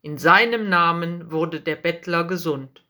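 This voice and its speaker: A woman's voice: fairly low pitch, measured pace, sharp tone. A woman voicing the apostle Peter as a bold, earnest man in a storybook reading, speaking firmly. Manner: firm, earnest declaring.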